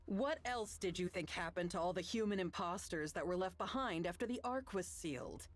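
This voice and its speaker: A woman's voice: fairly low pitch, normal speed, lightly acted. A woman voicing a cold, blunt, weary fighter in a curt, dismissive manner. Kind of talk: video game voice acting.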